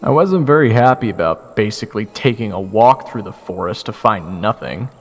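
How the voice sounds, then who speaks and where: In an audio drama, a young man serves as narrator and lead voice actor, telling the story in first person with sardonic expressiveness. His gravelly voice runs lower than average and swings lively in pitch, at a moderate pace. Soft music sits beneath him, and the sound is that of a large hall.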